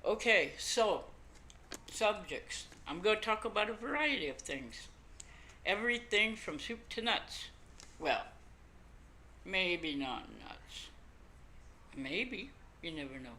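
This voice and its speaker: Slow, toothless older woman, lips over gums. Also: medium pitch, big pitch swings, sharp tone. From Canada. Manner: rambling, folksy, self-deprecating. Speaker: podcast host. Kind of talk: casual chat to camera. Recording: noisy amateur home computer recording.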